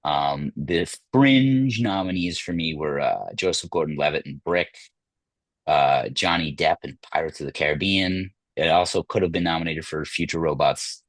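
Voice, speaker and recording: A man's voice: extremely low pitch, normal speed, dry recording. A man hosting a podcast, chatting casually about film awards in a rambling, hesitant way with many fillers. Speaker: podcast host.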